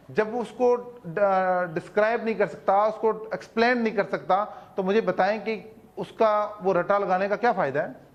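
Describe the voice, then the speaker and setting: A man giving an explanatory talk to parents as a school principal, earnest and asking rhetorical questions, with English terms mixed into his speech. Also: high-pitched.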